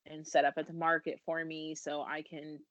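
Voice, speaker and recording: American woman guest on a podcast, deep for a woman, earnest and a bit self-deprecating, dull dry audio. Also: little pitch movement, moderate pace, fairly bright tone, no room sound. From United States. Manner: earnest, self-deprecating, laughs while talking. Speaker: guest, business founder. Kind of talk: podcast interview, casual talk.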